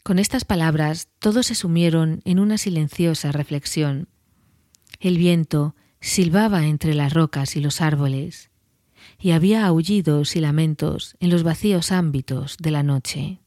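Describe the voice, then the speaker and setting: A woman narrating a fantasy novel in a measured audiobook reading. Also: low-pitched, mellow, no echo, clean studio sound.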